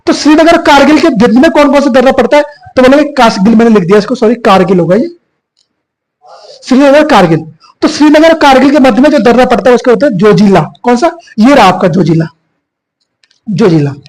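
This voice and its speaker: A hoarse man, a little husky from a cough, teaches a geography lesson at a whiteboard. He repeats each point and keeps quizzing his students as he goes. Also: very high voice, animated, fast talker, poor audio. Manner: repetitive, quizzing students with filler 'bhaiya'. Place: classroom with whiteboard.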